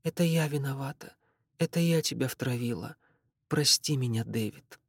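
A remorseful young woman, as a male reader puts her on pleads in a lifted, hushed voice, apologizing again and again. Her words come softly insistent and dry, close to the mic. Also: mid-range voice, normal speed, slightly rough, no room sound. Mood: pleading.

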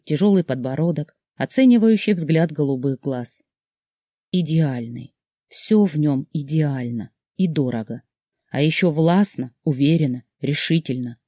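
Mellow expressive audiobook narrator. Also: mid-range voice, no room sound, clean studio sound. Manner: expressive, emotional storytelling. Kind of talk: first-person scripted narration.

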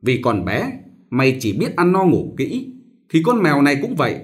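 A man's voice: fairly high pitch, huge pitch swings, normal speed, pitched above the performer's own voice. A man voicing a doting middle-aged master of the house who gives fussy, firm instructions in a storybook reading. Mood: instructing.

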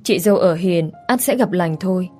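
A woman voices a falsely sweet young woman in an audio storybook, soothing and consoling. Her voice is low and mellow, and soft music plays behind it. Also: moderate pace, natural voice.

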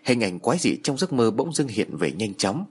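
A man narrating a horror story with expressive storytelling. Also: lowish voice, moderate pace, breathy edge. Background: faint music.

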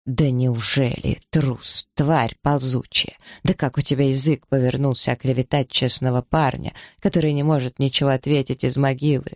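A man playing a harsh, pious older mother who speaks with slow, cutting scorn, in an audiobook. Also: mid-range voice, steady tone, no echo, clean studio sound, natural voice. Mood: furious.

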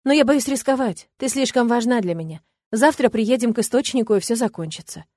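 A woman voicing a male dragon in human form, soft and coaxing with the heroine. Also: very high-pitched, expressive, a little fast, no room sound. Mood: pleading.

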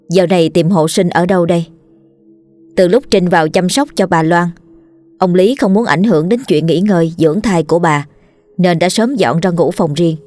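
A woman narrating a scripted horror story in a steady, measured reading. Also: lowish voice.

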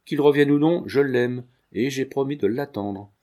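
A man's voice: mid-range voice, moderate pace, dark tone, natural voice. A man reading the lines of a young working-class woman who firmly and sadly refuses a proposal.

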